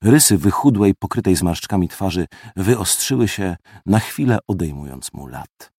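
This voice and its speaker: A male audiobook narrator tells a first-person story with expressive, lively intonation. His voice sits fairly low but moves through a wide pitch range. The recording is dry and close, with no room echo. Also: moderate pace, husky.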